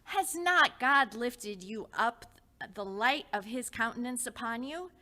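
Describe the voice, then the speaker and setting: A woman voicing an earnest, devout older man who pleads slowly and insistently, like a preacher, in a dramatized history story. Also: a little high, lively intonation, bright, forceful tone, pitched above the performer's own voice, full character voice. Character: fervent devout older male host, insistent. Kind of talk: storytelling reenactment.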